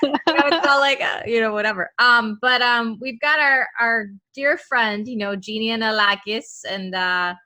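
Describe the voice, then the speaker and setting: Bright, chatty woman podcast host. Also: fairly high pitch, moderate pace. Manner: chatty and rambling, full of fillers. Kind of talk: casual chat.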